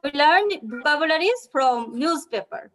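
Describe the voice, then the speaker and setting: A woman with a high, light voice moderates a webinar over a video call. She politely reads out questions from the chat. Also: expressive, normal speed, fairly bright tone.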